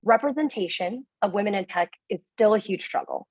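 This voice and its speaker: A woman moderating an online panel, delivering a scripted introduction in a crisp, presenter-like way. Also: medium pitch, animated, fairly quick, darkish tone, dry recording, dull audio.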